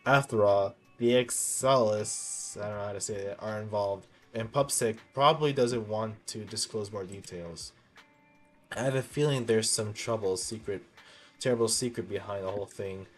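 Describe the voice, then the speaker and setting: Over soft background music, a man with a fairly low voice reads story dialogue from a video game aloud and reacts to it. His reading is halting, with occasional stumbles he corrects himself.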